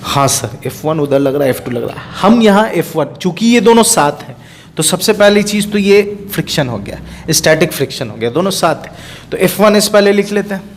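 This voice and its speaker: High-voiced man teaching physics. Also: animated, fairly quick, a little hiss or hum. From India. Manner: repeats questions and answers them himself; mixes Hindi with English terms. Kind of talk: exam-prep lesson.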